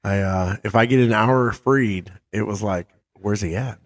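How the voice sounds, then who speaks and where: A man's voice: on the low side, measured pace, no echo. A man co-hosting a podcast, chatting casually in a laid-back, joking way. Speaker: podcast co-host. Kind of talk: casual chat.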